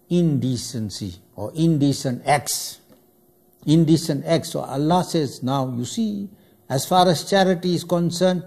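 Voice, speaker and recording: Repetitive teacher asking himself questions. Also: male voice, mid-range voice, warm tone. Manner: repetitive, asks and answers his own questions. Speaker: Quran teacher. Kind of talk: word-by-word Arabic grammar lesson.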